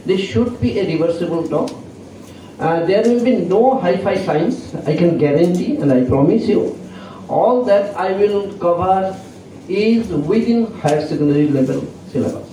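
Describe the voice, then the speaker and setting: Recorded by a distant fixed mic in a reverberant, noisy hall, a male chemistry professor lectures his class in Indian English. He's soft-spoken and animated, his pitch raised, and he speaks haltingly, full of fillers and self-corrections.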